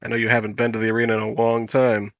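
A man's voice: mid-range voice, completely flat delivery, racing, no room sound, lo-fi sound. A man playing a tabletop game, speaking hesitantly and stumbling over his words. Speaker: player.

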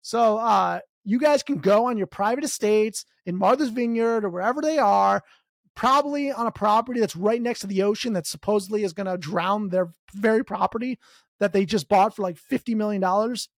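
A man hosting a podcast, delivering a sarcastic political comedy rant that swings between loud outbursts and low mutters. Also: a little fast, dry recording, clean studio sound. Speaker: podcast host.

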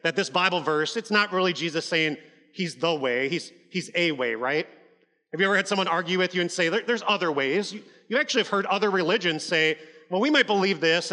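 A man's voice: high-pitched, pushed and bright, big-room sound. A male pastor preaching a sermon in a conversational, emphatic way, with frequent restarts and asides.

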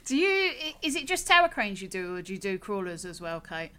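A woman's voice: mid-range voice, big pitch swings, brisk, sharp tone. A woman hosting a casual interview podcast in a chatty, informal, rambling way. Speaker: podcast host, former crane operator.

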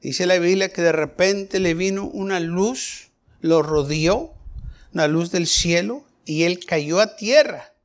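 Slow, high-voiced man preaching a Bible study. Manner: explains verse by verse, asking listeners questions. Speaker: preacher teaching a Bible passage.

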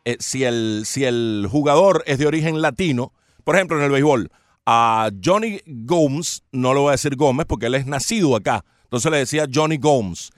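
A man talking as a sports commentator on a studio panel, measured and deliberate, pausing often with hesitations. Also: medium pitch, dry recording.

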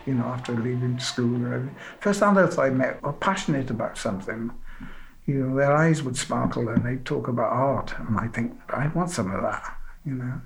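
An older man from South Wales, a sculptor, recalls his life in a loose, rambling way, peppering it with "you know". His voice sits mid-range. A faint noise runs under the recording. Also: mid-range voice. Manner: rambling, frequent "you know", self-deprecating. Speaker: sculptor being interviewed. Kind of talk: relaxed interview storytelling.

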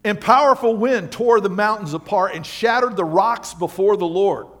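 A man preaching a sermon to a congregation, reading scripture aloud and commenting on it, moving between quiet asides and loud emphasis. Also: sits high, normal speed. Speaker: pastor. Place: church sanctuary.

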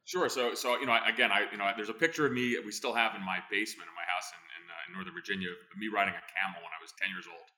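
Speaking as a guest in a conversational interview, a former intelligence officer tells stories quickly and energetically, with plenty of fillers and restarts. His bright voice sits fairly low in pitch, and the recording quality is poor. He was born in Greece and grew up in New Jersey.

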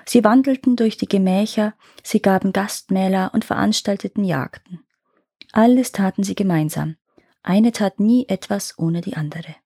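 A woman reading a fairy tale aloud in calm, measured narration. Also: mid-range voice, no room sound, studio quality. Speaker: storyteller.

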